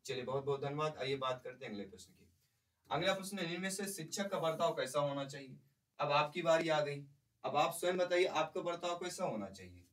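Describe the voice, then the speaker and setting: A man's voice: on the high side, lively intonation, a little fast, a bit bright, distant mic, rough recording. A male teacher giving an exam-prep lecture, explaining by repeating points and putting questions to the class.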